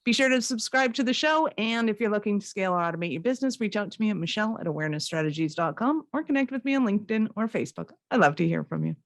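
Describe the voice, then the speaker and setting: A woman podcast host with an informal, encouraging way of talking. Her pitch sits in the middle range for a woman and she sounds upbeat and casual. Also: expressive, very fast, few pauses, no echo, studio quality. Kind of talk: casual interview and show hosting.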